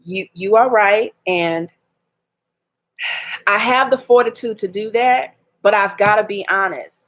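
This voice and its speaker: A woman's voice: mid-range voice, measured pace. A woman, talking candidly in a personal vlog, hurt and laughing ruefully through her restarts. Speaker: vlogger.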